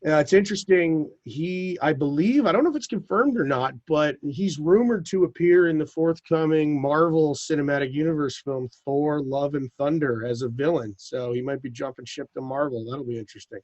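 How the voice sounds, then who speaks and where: A man's voice: a little high, darkish tone, no room sound, lo-fi sound. Chatty enthusiastic man, dry close mic. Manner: chatty, enthusiastic, quick asides. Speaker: podcast co-host. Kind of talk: casual film talk.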